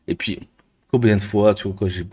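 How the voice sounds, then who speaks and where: A man's voice: on the low side, fairly even intonation, normal speed, mellow, husky. A man ranting casually to camera as a vlogger, crude and exasperated, with constant fillers. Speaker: YouTuber and business coach.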